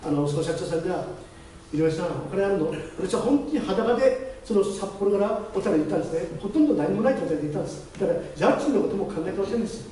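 A man, the pastor, giving a lively testimony sermon and acting out the voices of the people in his story. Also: high voice, rapid-fire, few pauses. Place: church chapel. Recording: very echoey hall, distant mic, faint noise.

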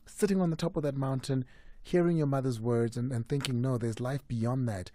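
A young adult man hosting a live radio interview in a studio, animated and repeating words as he asks questions. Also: medium pitch, fairly quick, no room sound. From South Africa. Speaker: radio host. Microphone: studio mic with headphones.

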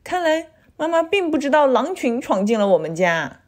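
Woman storyteller for a children's read-aloud, lively intonation, clear delivery. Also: sits high, moderate pace.

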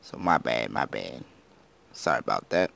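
A man's voice: rumbling low, sing-song, moderate pace, gravelly, fairly bright tone. A teenage boy chatting casually over his gameplay, rambling and self-deprecating, who admits he slurs his words and has just woken up. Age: teens. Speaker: gaming YouTuber.

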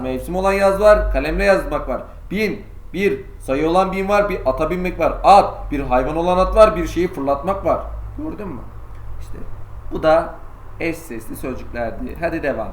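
Male teacher, slightly high voice, chatty online class, poses and answers his own questions. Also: reverberant, a little hiss or hum. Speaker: Turkish teacher. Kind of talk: online lesson for sixth graders.

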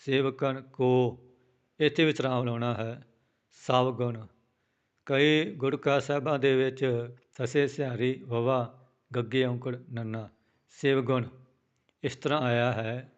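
A man teaching pronunciation of a prayer, chanting verses slowly and then explaining the spelling in a quicker spoken voice, with a Punjabi accent. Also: mid-range voice, steady tone, clear, resonant tone, muffled recording. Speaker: scripture recitation teacher. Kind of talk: pronunciation lesson with chanted recitation.

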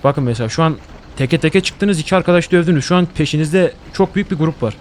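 A young man streaming a horror game, swearing a lot and jumping into loud panicked outbursts. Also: a little high, fast talker, a little hiss or hum. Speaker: gaming streamer. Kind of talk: horror game let's play.

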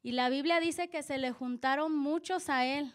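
A woman's voice: high voice, normal speed. A woman speaking earnestly at a church service, giving a conversational sermon-style testimony with frequent restarts.

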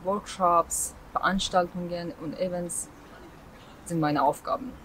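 Young woman, measured and hesitant. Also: lowish voice, steady tone, fairly bright tone, slight background noise, rough recording. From Iran. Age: 20s. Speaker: event organizer. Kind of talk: interview answers to camera. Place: outdoors in a park by flower beds.

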